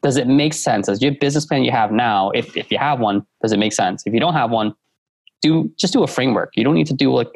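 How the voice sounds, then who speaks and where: Man giving halting business advice. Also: medium pitch, no room sound. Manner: halting, many fillers and restarts. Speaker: guest entrepreneur. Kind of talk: casual business chat.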